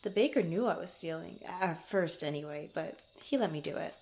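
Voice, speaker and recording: In an intimate fantasy ASMR roleplay, a woman plays a guarded, teasing young swordswoman adventurer, once a street thief, speaking haltingly to the listener in a fond, reminiscing mood. Her voice is on the low side, expressive and a little mellow, and she comes across flustered and bantering, often sighing or chuckling.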